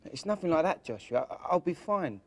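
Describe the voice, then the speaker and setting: Nervy evasive teen lad in a movie, short hesitant answers, noisy background. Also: male voice, on the high side, big pitch swings, fairly quick, darkish tone. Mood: evasive, apologetic. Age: young adult. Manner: hesitant, terse. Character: uneasy, evasive eighteen-year-old young man. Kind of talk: film drama dialogue. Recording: noisy location sound, often distant.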